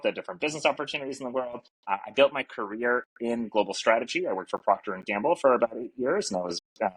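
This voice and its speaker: In casual interview talk on a podcast, a middle-aged Canadian man who natively speaks French sounds earnest and reflective, leaning on many fillers. His medium-pitched voice is fairly bright with a breathy edge, and the audio from his podcast mic is poor.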